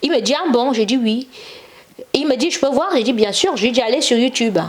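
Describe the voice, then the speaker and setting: Telling a long story as an interview guest, a woman speaks fairly quickly at a fairly high pitch. It's animated storytelling: she acts out the quotes, sings snippets, and repeatedly says "et tout".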